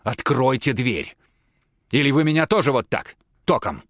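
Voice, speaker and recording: A man's voice: medium pitch, expressive, normal speed, fairly bright tone, dry recording, clean studio sound, voice pushed up. A man voicing a frightened young woman who screams her demands in hysterics. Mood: hysterical, shouting.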